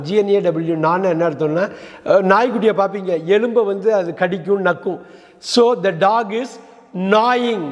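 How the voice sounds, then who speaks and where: A man teaching English pronunciation, spelling words out letter by letter and asking the listener rhetorical questions. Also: sits high. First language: Tamil. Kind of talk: explaining pronunciation. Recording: long hall reverb.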